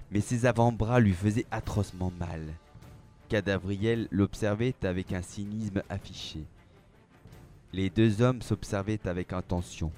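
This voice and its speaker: A man narrating a dark fantasy story aloud, with a measured, dramatic reading. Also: on the low side. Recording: faint background music.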